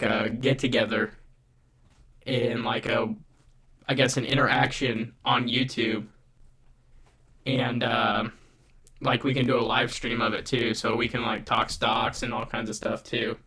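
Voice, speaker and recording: A man's voice: mid-range voice, flat delivery, measured pace, pauses often, sharp tone. A man hosting a casual live stream on a USB desk microphone, greeting viewers by name and talking in a loose, rambling way.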